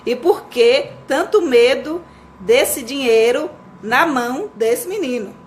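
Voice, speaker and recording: A woman's voice: high-pitched, lively intonation, slow, a little hiss or hum. A woman teacher talking casually to fellow teachers on a live stream, chatty and full of fillers and self-corrections.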